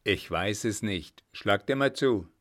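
A man's voice: lowish voice, animated, a little slow, a bit bright. A man reading a blunt, defiant coachman. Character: defiant young male coachman, stubborn.

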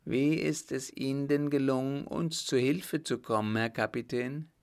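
A man voicing a gracious, commanding emperor who speaks in a measured, formal way in a storybook. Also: mid-range voice, fairly even intonation, voice pushed up, lightly acted. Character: commanding older male emperor, calm and gracious.

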